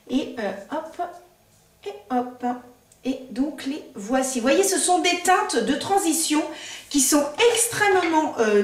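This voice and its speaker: A woman's voice: sits high, reverberant, recorded from a distance. A woman vlogger chatting enthusiastically through a makeup tutorial, with lots of fillers.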